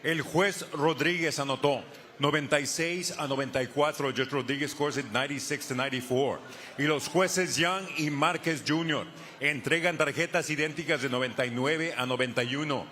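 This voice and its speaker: Bright, grand bilingual male ring announcer. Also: a little high, steady tone, brisk, slight background noise. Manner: grand, ceremonious, drawing out names like a lucha libre announcer. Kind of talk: formal bilingual boxing ring announcing with drawn-out dramatic build-up. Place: live boxing arena.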